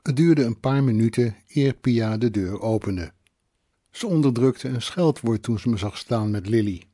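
A man reading a novel aloud as audiobook narrator, calm and even. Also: medium pitch, normal speed, no echo, clean studio sound. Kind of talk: scripted narration.

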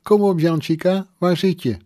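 A man's voice: high-pitched, moderate pace, warm tone, dry recording, clean studio sound, voice pushed up, natural voice. A male audiobook reader voicing an anxious, prying middle-aged mother who fires worried questions down the phone. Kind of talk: audiobook narration.

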